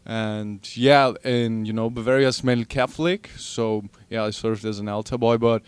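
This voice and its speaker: Young German musician with a smooth voice. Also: male voice, mid-range voice, steady tone, normal speed, no echo. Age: young adult. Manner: hesitant, searching for words, many uhs and restarts. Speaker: bassist. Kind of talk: casual interview.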